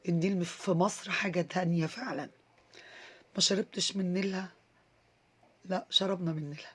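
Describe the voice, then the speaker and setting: A young woman with an Egyptian Arabic accent talks over her travel footage in a chatty, enthusiastic vlog voice-over. Her voice has a breathy, husky edge. She speaks quickly and addresses her audience directly. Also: medium pitch. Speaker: vlogger.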